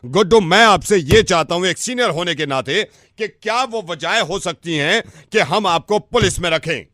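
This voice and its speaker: A man making a prank call while posing as a senior police official, speaking in a formal, measured way. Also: high-pitched, animated, sharp tone, no echo, clean studio sound.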